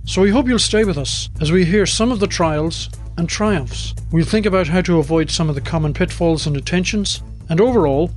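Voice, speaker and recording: A man's voice: high-pitched, a little fast, few pauses, soft background music. A man, a charity chief executive, giving an earnest, scripted overview on radio.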